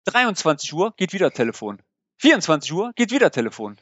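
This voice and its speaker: Lively animated German-speaking man telling a story. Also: on the high side, a little fast, no echo. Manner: animated storyteller, acts out phone calls in voices. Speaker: podcast co-host. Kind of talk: casual chat. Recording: dull lo-fi dry sound.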